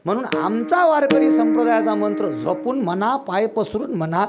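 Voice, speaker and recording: A man with a Varhadi Marathi accent preaching a devotional sermon, blunt and teasing, breaking into loud bursts. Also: high voice, lively intonation, normal speed, over music. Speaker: kirtan preacher.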